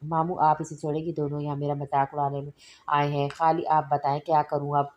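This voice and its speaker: A woman's voice: deep voice, level tone, brisk, highs cut off, natural voice. A woman reading aloud voicing an irritated, easily teased young man in a novel. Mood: exasperated.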